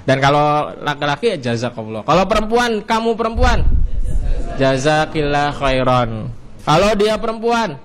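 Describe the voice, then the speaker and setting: A man with an Indonesian accent teaching an Arabic grammar lesson, drilling each form with a rising cue and a falling answer, and drawing out the Arabic words slowly. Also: high voice, lively intonation, fairly bright tone. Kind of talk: classroom lesson.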